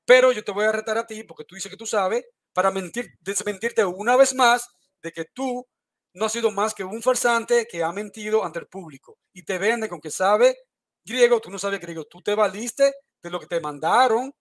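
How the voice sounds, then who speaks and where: Over what sounds like a video call, a man with a fairly high voice fights hard in an online debate at a normal speed. He hurls challenges, accuses his opponent and hammers the same points over and over.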